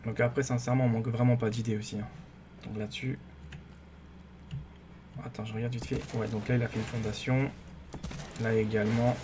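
A man giving casual, rambling commentary on his game, excitable and full of fillers and restarts. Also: mid-range voice, a little fast, long pauses, background noise. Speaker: gaming YouTuber.

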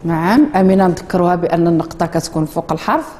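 A Moroccan woman teaches a reading lesson, stretching each word out slowly and clearly so young pupils can copy it. Her voice rings in a classroom with a long reverb. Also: fairly low pitch, warm tone. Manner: slow, drawn-out modeling of words for children. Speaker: primary school teacher.

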